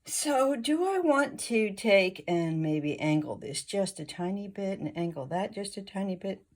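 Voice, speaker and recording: A woman talking through her oil painting as she works, thinking aloud in a casual, unhurried way. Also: mid-range voice, lively intonation. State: hiccuping. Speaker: painting instructor. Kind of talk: casual painting tutorial narration.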